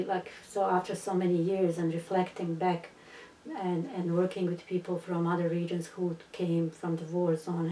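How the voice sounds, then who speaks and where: A middle-aged woman from Bosnia tells her story in English, with frequent fillers and false starts. Her voice is low-set, mellow and fairly flat. She sits back from the mic in a roomy space with a faint hum of ambience. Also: distant mic. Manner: hesitant, many fillers and restarts. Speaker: interviewee. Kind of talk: recorded personal story.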